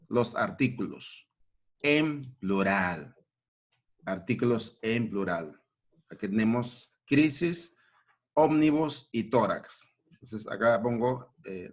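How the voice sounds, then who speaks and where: A man teaching a grammar lesson at a board, repeating points and checking in with short questions. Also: mid-range voice. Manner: slow, repetitive, checking in with "¿no?" and "¿ya?".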